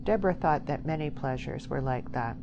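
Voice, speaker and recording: A woman reading a novel aloud as an audiobook narrator, in a measured, even way. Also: rumbling low, highs cut off. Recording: steady background hiss.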